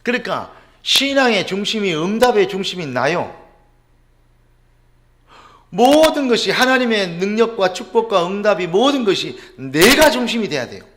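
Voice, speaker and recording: High animated Korean preacher man. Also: normal speed. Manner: rhetorical questions, sudden drops to a low murmur. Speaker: pastor. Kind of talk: sermon.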